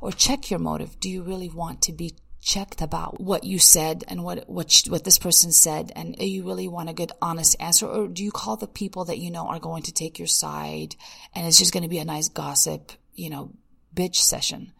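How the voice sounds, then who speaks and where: A woman hosts a self-help talk with a heavily gravelly voice and a husky edge. She talks in a candid, coaching way and keeps turning to rhetorical questions. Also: on the low side, steady tone, moderate pace, fairly bright tone. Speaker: podcast host.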